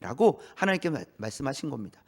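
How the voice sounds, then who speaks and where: Animated Korean pastor preaching. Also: male voice, medium pitch, quick pace, breathy edge. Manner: preaching with acted quotes, soft asides and questions to the congregation. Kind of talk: sermon. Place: church sanctuary.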